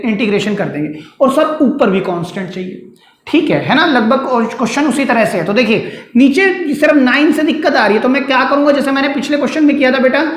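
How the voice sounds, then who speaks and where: A man's voice: very high-pitched, fairly bright tone. A man teaching a maths lesson at a board, explaining step by step and putting questions to his students, then answering them himself. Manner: calls students "beta" and "sir". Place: classroom with a board. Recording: echoey room.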